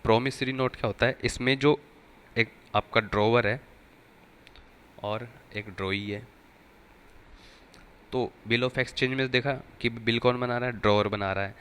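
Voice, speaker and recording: A man's voice: mid-range voice, fairly even intonation, a little slow, pauses often, a bit bright, clean tone. A man teaching an accounting lesson for exam preparation, explaining step by step and repeating key terms. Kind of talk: exam-prep lecture.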